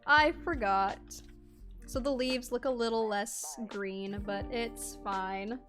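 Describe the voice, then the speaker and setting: A woman's voice: on the high side, slow, a bit bright, faint music behind. A Canadian-born woman streaming a game, chatting casually and reading chat aloud, laughing often.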